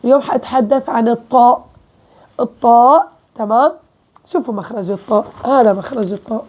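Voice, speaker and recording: A woman with a high, light voice and a Levantine Arabic accent gives a relaxed recitation lesson. She walks through each point step by step and keeps checking that her listeners are following. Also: fairly quick. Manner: explains step by step, often checking with "okay?". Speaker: Quran recitation teacher. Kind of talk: casual spoken lesson.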